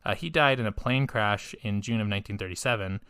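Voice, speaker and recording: Rambling male podcast co-host, smooth dry voice. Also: fairly low pitch, fast talker, sharp tone, no echo. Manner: rambling, filler-heavy, swearing, laughs often. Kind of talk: casual chat.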